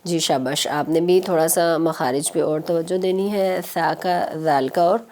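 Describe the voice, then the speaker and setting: A woman's voice: sits low, a little mellow. A woman host teaching children recitation on a TV program, speaking patiently and repeating her instructions to young viewers.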